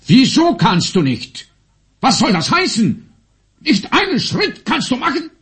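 A man's voice: extremely high pitch, huge pitch swings, fairly bright tone, husky, heavily acted. An actor playing a nervous, prying man who keeps asking questions and gets worked up in a radio play. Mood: urgent. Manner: questioning, quick to get worked up.

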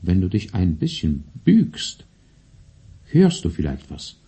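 A man's voice: sits low, huge pitch swings, mellow, husky, full character voice. An actor playing a nervous, prying man who keeps asking questions and gets worked up in a radio play. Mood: curious. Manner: questioning, quick to get worked up.

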